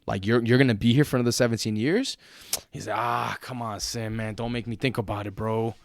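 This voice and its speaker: A man in his late twenties co-hosting a podcast, chatting casually in an animated, profane, slangy way. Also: medium pitch, brisk, gravelly, no room sound, studio quality. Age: late 20s. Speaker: podcast co-host.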